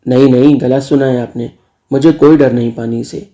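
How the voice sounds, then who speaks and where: A man's voice: medium pitch, fairly even intonation, moderate pace, warm tone, lightly acted. Man doing a cheeky young nephew. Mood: defensive. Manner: cheeky, defiant.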